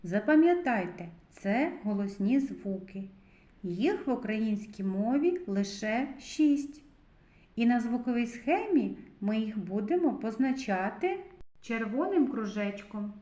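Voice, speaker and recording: A woman giving a slow, clear lesson to preschool children and asking them to repeat sounds after her. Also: a little high, very animated, dark tone. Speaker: preschool teacher. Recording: dull, lo-fi sound in an echoey room.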